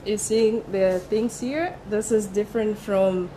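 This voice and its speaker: A woman's voice: mid-range voice, fairly even intonation, unhurried, warm tone, slight background noise. A woman from Tanzania, explaining things patiently as a guest on a conference panel, with fillers between her points. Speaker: panel guest, drone operator. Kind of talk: panel discussion. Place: conference exhibition stand.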